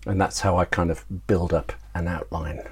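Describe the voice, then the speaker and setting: The British writer, from the United Kingdom, speaks at a moderate pace in a low, level voice with a breathy edge. As a casual interview guest he's talkative, cutting himself off as he tells anecdotes.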